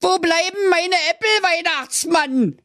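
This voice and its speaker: A man voicing a greedy chubby boy in a whiny, drawn-out high voice. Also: sharp tone, exaggerated voice.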